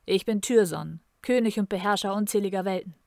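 A woman's voice: medium pitch, fairly quick, vocal fry, no room sound, close to an everyday voice. A woman reading aloud and voicing a cruel, imperious male emperor in a menacing, commanding tone. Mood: cold, probing. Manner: menacing, commanding, bursts into furious shouting.

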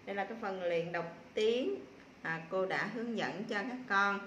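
A woman primary school teacher giving a slow spelling lesson to young children, patiently sounding out syllables one by one with filler pauses. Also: mid-range voice, a bit bright, echoey room, slight background noise.

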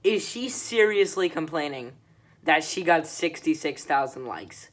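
Woman, lowish voice, sarcastic reaction rant, filler-heavy casual talk. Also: expressive, unhurried, slight background noise. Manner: sarcastic ranting, heavy use of "like". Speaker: reaction video creator.

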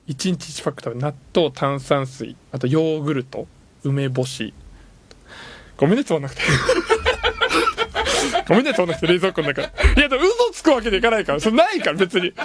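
Lively high-voiced man hosting radio. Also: brisk. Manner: joking, laughs often, complains playfully. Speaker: radio show host. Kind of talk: casual radio chat. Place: radio studio.

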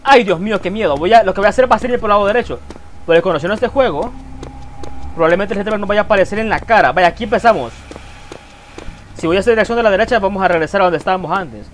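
Racing through his words, a high-voiced gaming YouTuber narrates his horror game playthrough live, swearing and shouting to his viewers excitedly. A faint hiss runs under the recording.

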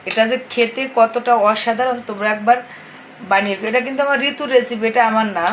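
A middle-aged woman with a Bangladeshi Bengali accent, a little hoarse from a cold, chatting casually to viewers as a home vlogger in her kitchen. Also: a little high, steady tone, brisk, a little hiss or hum. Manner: chatty, explains as she works. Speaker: vlog host. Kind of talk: casual home vlog chat.

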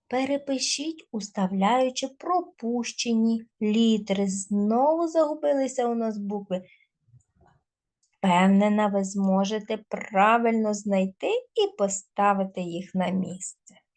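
Slow, clearly dictating woman teacher. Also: medium pitch, darkish tone. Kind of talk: recorded video lesson for children.

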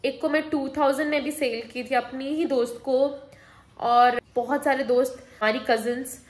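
Young woman, high voice, chatty storytelling vlog, hops from topic to topic. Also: steady tone, moderate pace, poor audio. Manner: chatty, mixes Hindi and English, jumps between topics. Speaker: vlogger.

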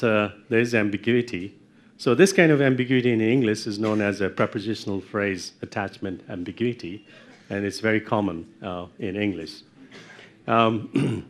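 A man's voice: lowish voice, moderate pace. Man lecturing to a room. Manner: explanatory, asks the audience questions. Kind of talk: university lecture.

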